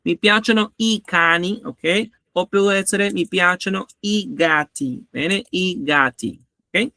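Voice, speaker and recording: Slow, bright-voiced male teacher. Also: sits high, no room sound. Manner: patient, repeats each example and checks with "bene?". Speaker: language teacher. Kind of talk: online grammar lesson.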